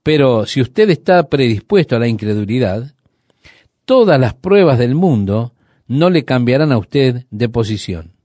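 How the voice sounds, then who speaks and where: A man with a warm, medium-pitched voice preaches a sermon, retelling a Bible story conversationally. He poses rhetorical questions to his listeners and slows down to emphasize key sayings. The studio-quality recording has no echo.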